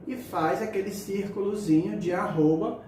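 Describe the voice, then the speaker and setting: Echoey high-voiced man teaching signs. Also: warm tone. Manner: halting, repeats words while demonstrating signs. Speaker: sign language teacher. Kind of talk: spoken lesson explaining signs. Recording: echoey distant mic with faint room noise.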